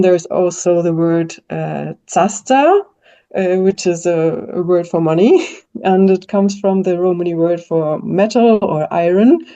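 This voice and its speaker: This mellow, lowish voice belongs to a woman linguist from the German-speaking world, whose German accent comes through as she considers interview questions, pausing on fillers and restarting often. The audio is dull and lo-fi.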